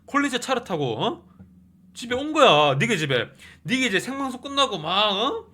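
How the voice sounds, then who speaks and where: A man hosting a movie review channel, recapping a plot in a casual, animated way and often tossing in a questioning "eh?". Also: very high voice, normal speed. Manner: animated, keeps adding a questioning "eh?".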